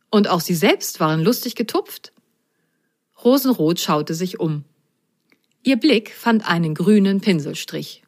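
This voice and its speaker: Woman narrating a children's story, slow and gentle. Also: lowish voice.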